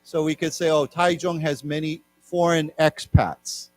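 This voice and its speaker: A man teaches English vocabulary to a live class, explaining each word and having the room repeat it. His voice sits a little high. A faint electrical hum runs under the recording. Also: steady tone, unhurried, a little mellow. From Taiwan. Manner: explains words, has the class repeat them. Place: lecture room.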